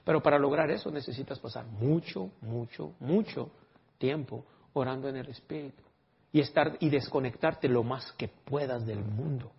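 A man preaching a sermon, lively and acting out dialogue, now and then slipping into English words. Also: mid-range voice, normal speed, vocal fry, slightly rough, dull audio. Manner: lively, acts out quoted dialogue.

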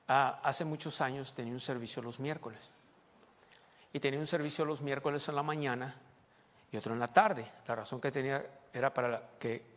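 A man preaching at a pulpit microphone in a church sanctuary, his voice sitting at an ordinary middle pitch. He teaches from scripture and keeps pointing the congregation back to the text. A long reverb hangs behind every word. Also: fairly bright tone. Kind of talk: sermon.

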